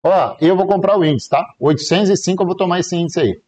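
Brazilian guy on a live trading stream, kinda high voice but mellow, jokey and chatty. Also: quick pace. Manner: casual, joking, counts aloud softly while waiting. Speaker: day trader streaming live.

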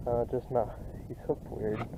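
A young man fishing at a pond bank, teasing his friend and calling out excitedly when fish bite. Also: mid-range voice, measured pace, gravelly. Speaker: fishing vlogger. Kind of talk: excited outdoor commentary. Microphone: head-mounted action camera. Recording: tinny lo-fi camera audio with wind noise.

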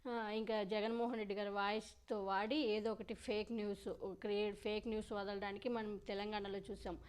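A woman delivers political commentary in a smooth, clear voice. She talks insistently and circles back to the same warnings, with her pitch at an ordinary middle height for a woman. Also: little pitch movement, moderate pace.

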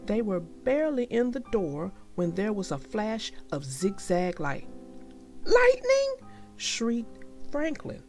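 A woman reading a children's storybook aloud, gentle and expressive. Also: medium pitch, unhurried, hardly any pauses, soft background music.

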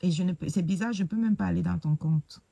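A woman hosting a casual live stream, talking hesitantly and filling pauses with "euh" while she searches on her phone. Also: fairly low pitch, creaky, mellow, slightly rough, no echo.

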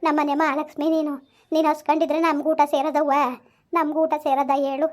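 A woman's voice: high-pitched, flat delivery, quick pace, natural voice. A woman playing a village mother-in-law, coaxing and scolding in a family drama. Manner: coaxing, repetitive, forceful when threatening her son. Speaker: mother-in-law in a family skit, also addresses viewers.

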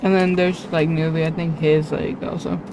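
Speaking at normal speed in a low, level voice, this woman streamer keeps up informal, rambling game-stream chatter, thinking aloud as she plays. Video game music runs underneath, and the background is noisy.

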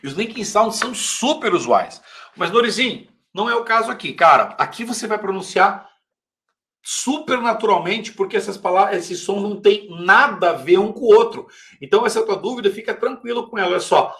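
A man with a Brazilian Portuguese accent teaching English in a relaxed live Q&A, answering viewers' questions and saying example phrases slowly and carefully. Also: high-pitched. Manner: casual, chatty, reads viewer questions aloud. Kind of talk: live-stream Q&A lesson.

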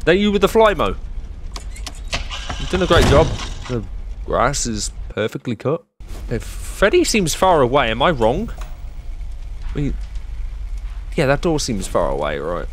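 A man's voice: medium pitch, big pitch swings, unhurried, pauses often, a little hiss or hum. A young man commentating on a horror game, sarcastically chatting to the enemies as he plays. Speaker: gameplay streamer.

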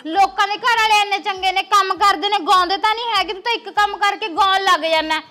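A woman's voice: very high-pitched, fast, sharp tone. A woman playing a bossy, nagging wife. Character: bossy bedridden village wife, lazy and sharp-tongued. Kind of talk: rustic comedy sketch acting.

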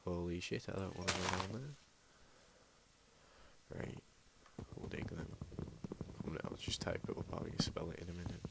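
Male gaming host, low gravelly voice, rambling and muttering, heavy background noise. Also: normal speed, pauses often. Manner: rambling, often mutters under his breath. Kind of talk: rambling gameplay commentary.

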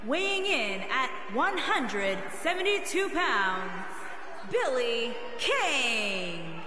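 A woman's voice: high voice, very animated, exaggerated voice. A woman making formal wrestling ring announcements, projecting and drawing out her words. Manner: projected, drawn-out delivery. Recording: echoing arena PA with crowd, music.

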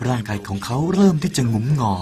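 Speaking fast in a medium-pitched, sing-song voice, this man narrates a parable directly to the listener with earnest persuasion. There's gentle music in the background.

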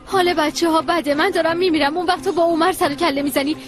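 A woman's voice: very high voice, steady tone. A woman voicing a young woman raising her siblings, anxious and protective, in a dubbed TV drama. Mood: upset. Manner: emotional, pleading. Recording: dubbed dialogue over loud score music.

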